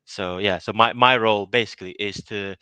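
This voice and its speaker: A man's voice: lowish voice, steady tone, brisk, sharp tone, smooth, dry recording. A man from Malaysia in his thirties, answering interview questions casually, with many fillers, restarts and easy laughs. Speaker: innovation project lead.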